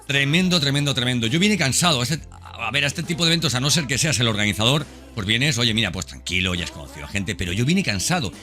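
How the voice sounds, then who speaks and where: A podcast host with a mid-range, sharp-toned voice talks fast with few pauses and lively intonation. His monologue is informal and unscripted, addressed straight to the listener, and he repeats phrases for emphasis. Background music plays under his voice.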